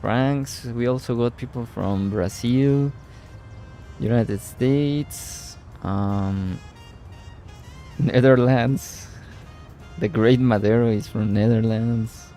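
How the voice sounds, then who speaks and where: Streaming a city-building game, this non-native English speaker talks slowly in a mellow, mid-range voice while faint music plays behind him. His live commentary is full of puzzled exclamations, thinking aloud, and greetings to viewers in chat.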